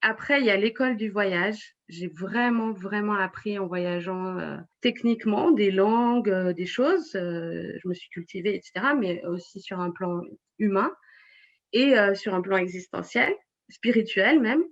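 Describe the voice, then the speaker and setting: A woman's voice: mid-range voice, unhurried. Woman in her 40s chatting in an interview, stops and restarts a lot, dull muffled audio. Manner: hesitant, many fillers and restarts. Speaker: interview guest, web writer and blogger. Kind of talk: casual interview.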